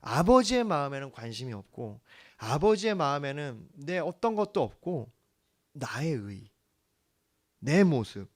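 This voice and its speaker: A man preaching a sermon as the church's pastor, earnest, swinging from hushed lines to emphatic ones. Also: fairly high pitch, very animated, measured pace.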